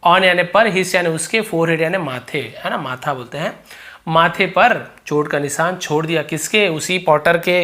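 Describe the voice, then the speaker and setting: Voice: medium pitch, bright, forceful tone. Chatty teacher translating English line by line. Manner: reads English slowly, explains chattily with repetitions.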